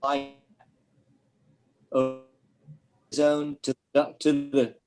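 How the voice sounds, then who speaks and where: A man joins a meeting by video call. His connection keeps dropping out, so his words arrive in broken pieces with halting restarts. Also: a little high, monotone, darkish tone. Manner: halting, restarts mid-phrase. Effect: call audio dropping out, words cut into fragments. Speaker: board member joining remotely. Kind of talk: meeting discussion.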